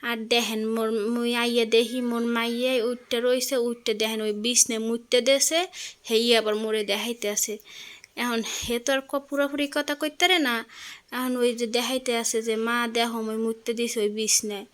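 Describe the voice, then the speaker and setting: A woman's voice: a little high, fairly even intonation, normal speed. A young woman speaking with a Barishal accent, chatting in a casual home vlog about her chores and her small children, often checking in with the viewer. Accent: Barishal dialect of Bengali. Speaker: vlogger.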